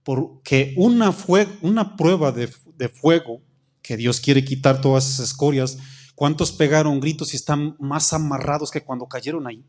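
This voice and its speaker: A man's voice: a little high, a little mellow. Man preaching a sermon. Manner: preaching with call-and-response questions to the congregation; reads scripture slowly, stretching key phrases. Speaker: pastor.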